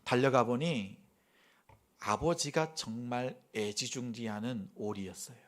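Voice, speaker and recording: Male pastor, sermon storyteller in a church, animated with loud and hushed swings, mid pitch. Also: a little slow.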